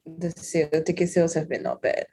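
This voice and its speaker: A woman's voice: low-pitched, fast talker, dark tone, breathy edge. A young adult woman co-hosting a podcast, chatting casually, reacting and laughing often. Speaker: podcast co-host. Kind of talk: casual chat.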